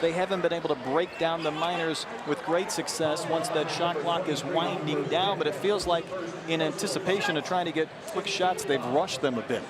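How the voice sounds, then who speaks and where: A man's voice: on the high side, fairly even intonation, normal speed. A man calling live basketball play-by-play, mixing descriptions of the action with game statistics. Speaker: play-by-play sports commentator. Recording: noisy arena broadcast with loud crowd. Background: loud crowd, bouncing basketballs.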